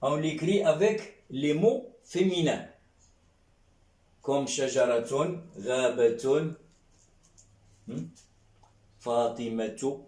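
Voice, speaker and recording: A man leads a classroom lesson in a very slow, deliberate way. He drills syllables over and over and keeps checking that his students follow. His voice sounds distant from the mic in a reverberant room. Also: medium pitch, a little mellow. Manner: patient, repeats sounds, keeps checking with "hein?". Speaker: Arabic teacher. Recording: roomy echo, distant mic.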